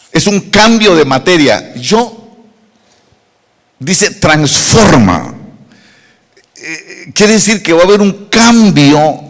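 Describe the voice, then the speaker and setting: A middle-aged man preaching, his fairly high voice swinging widely as he drives home repeated rhetorical questions. The sermon rings out with a long echo from a large hall. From Costa Rica. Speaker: pastor. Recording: echoey hall reverb.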